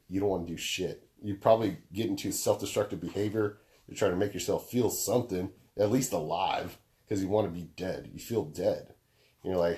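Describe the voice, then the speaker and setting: On a podcast, a young male co-host talks in a dark, deep baritone. He's relaxed and casual, cursing freely while he explains things through long stories.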